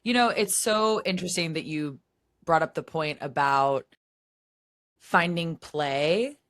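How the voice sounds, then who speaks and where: A woman in her thirties co-hosting a podcast in casual chat, chatty and quick to laugh. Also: deep voice, fairly bright tone, no room sound, studio quality. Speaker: podcast co-host.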